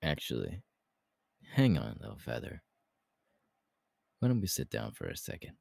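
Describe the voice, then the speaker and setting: Very deep, gravelly Hawks, romantic ASMR man acting. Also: huge pitch swings, a little mellow, no room sound, studio quality, heavily acted. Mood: hesitant, earnest. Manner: intimate, halting, breathy laughs and sighs. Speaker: voice actor, ASMR artist. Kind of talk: romantic ASMR audio roleplay.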